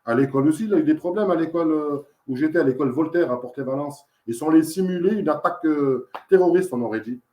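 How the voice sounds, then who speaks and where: Fast-talking man with a mellow voice. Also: a little high, echoey room. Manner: emphatic, repetitive storytelling. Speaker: interviewee, father in dispute with social services. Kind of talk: casual testimony.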